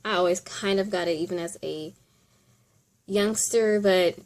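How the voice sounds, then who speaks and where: A woman's voice: fairly low pitch, measured pace, a little mellow. A woman hosting a casual top ten countdown, chatting informally and thinking aloud as she gives her commentary. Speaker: video host.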